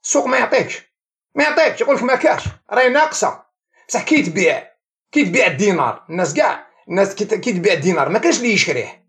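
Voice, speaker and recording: Fast, animated Algerian man. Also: sits high. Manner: animated, mixes French and English terms. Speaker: economics professor, guest. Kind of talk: explanatory interview talk.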